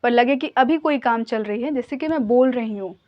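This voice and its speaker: A woman with a high voice teaches English grammar in Hindi. She explains each point patiently and slowly repeats her example sentences. The recording sounds a little dull and lo-fi.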